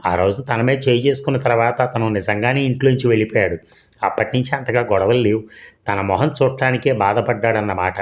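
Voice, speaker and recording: A man narrating a serialized story in a steady, measured reading. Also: on the low side. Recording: dull lo-fi recording.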